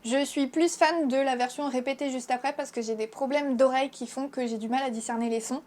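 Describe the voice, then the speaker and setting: Young French-accented woman, high voice, casual teacher explaining to camera, frank and chatty. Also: fairly even intonation, fairly quick, darkish tone. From France. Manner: chatty, frank, lots of fillers. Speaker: Japanese teacher and YouTuber. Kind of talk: casual video lesson.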